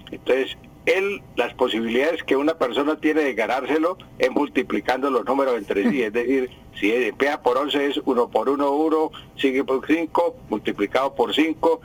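A man's voice: mid-range voice, breathy edge, rough recording. A man, a language professor, answering listener questions on a radio morning show, explaining patiently and repeating key words. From Colombia. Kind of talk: radio Q&A segment. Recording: radio broadcast.

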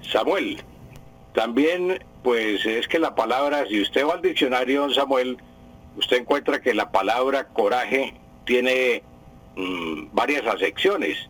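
A man's voice: medium pitch, lively intonation, slow pace, fairly bright tone, breathy edge, low-quality recording. A man, a language professor, answering listener questions on a radio morning show, explaining patiently and repeating key words. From Colombia. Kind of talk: radio Q&A segment. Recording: radio broadcast.

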